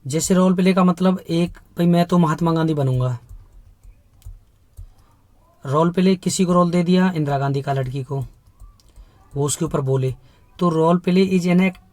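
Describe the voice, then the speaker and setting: A man teaches an exam-prep lesson in a fairly high voice. He talks emphatically, asks his class rhetorical questions and repeats key points. The sound is close and dry, with no room echo. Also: darkish tone. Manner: explains in Hindi mixed with English terms, asks rhetorical questions.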